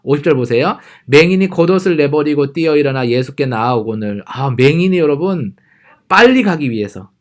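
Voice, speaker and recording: A man leads a youth church Bible lesson, walking listeners through the passage step by step. His voice sits somewhat high, and his delivery is friendly and animated. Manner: friendly, explanatory, animated retelling.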